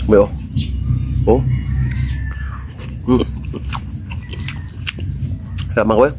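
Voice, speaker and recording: A man's voice: on the low side, fairly even intonation, very slow, dark tone, slight background noise, rough recording. A Filipino man vlogging a meal outdoors, chewing with his mouth full as he murmurs about the food to his viewers. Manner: addresses viewers as "mga kaboy", murmurs appreciatively while eating. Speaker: mukbang vlogger. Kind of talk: casual eating vlog talk. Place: outdoors in a rural spot with birds and crickets.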